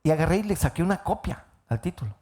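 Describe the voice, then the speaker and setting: A man's voice: on the high side, lively intonation, quick pace, dark tone. A middle-aged man with a Mexican accent preaching a sermon, telling a personal story in a conversational way and often checking in with his listeners. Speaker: pastor.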